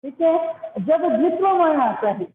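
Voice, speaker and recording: A woman's voice: sits high, big pitch swings, moderate pace, slight background noise. A woman teacher giving an online class, explaining patiently, asking her pupils questions and calling them "beta". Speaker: Hindi teacher. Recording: echoey, phone-like online class audio.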